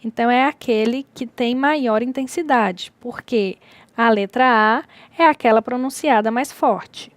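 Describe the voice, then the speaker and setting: A woman teacher delivers a recorded distance-learning lesson, her voice sitting a little high. She explains step by step and repeats the key words. The sound is close and dry with no room around it. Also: a little slow, dry recording.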